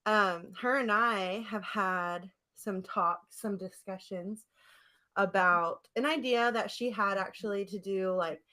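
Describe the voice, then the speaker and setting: A woman with a mid-range voice, slow pace and sharp tone co-hosts a podcast over a remote internet call. The chat is casual, and her delivery is effusive and giggly.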